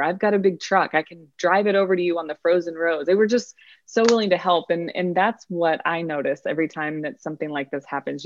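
A woman's voice: deep voice, dry recording, dull audio. A woman with a Texas accent, a baseball field reporter, speaking proudly in a casual podcast interview and often repeating words as she starts a sentence.

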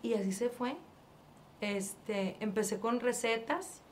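Lively higher-voiced woman from northern Mexico. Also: takes it slowly, slight background noise. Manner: animated, acts out past dialogue, frequent restarts. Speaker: interview guest. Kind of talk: casual interview storytelling.

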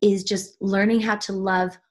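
Her mid-range voice is level and darkish, her pace a little slow. A spiritual teacher from Switzerland, she speaks earnestly about her path as a podcast guest, often restarting sentences while reaching for words.

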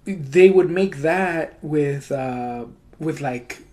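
A man's voice: fairly high pitch, very slow, darkish tone, slight background noise. A young man who grew up in Mexico, chatting casually on a podcast, laid-back with lots of slang and swearing. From Mexico (Durango). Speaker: comedian and video creator, podcast host.

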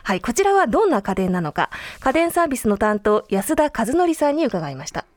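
A woman's voice: on the high side, very animated, a little fast. A woman reporting a feature on a radio show, laughing often as she presents.

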